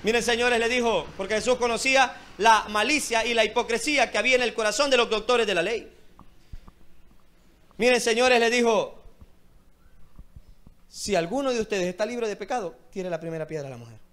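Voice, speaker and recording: A man's voice: very high-pitched, fairly quick, pauses often, a bit bright. A man pastor preaching a sermon, speaking directly to his listeners with fervent emphasis. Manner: impassioned preaching, repeated direct address to listeners.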